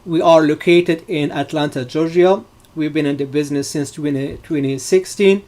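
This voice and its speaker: A middle-aged Moroccan man teaches data science in a live online class, his voice a little high, steady and darkish. He explains each point to his students in loose, halting phrases filled with fillers.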